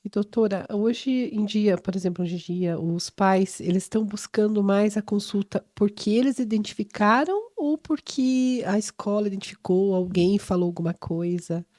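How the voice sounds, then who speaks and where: A woman's voice: mid-range voice, moderate pace, few pauses, dark tone, no echo, clean studio sound. A woman co-hosting a podcast, asking the guest questions. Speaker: podcast co-host. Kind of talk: podcast interview.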